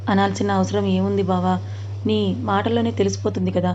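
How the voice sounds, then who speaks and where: A moody pregnant young wife who is quick to take offense, as a woman storyteller puts her on. She speaks in a reproachful, clinging way with a mellow, fairly flat voice. The audio sounds dull and lo-fi. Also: medium pitch, a little hiss or hum, close to an everyday voice. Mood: tearful.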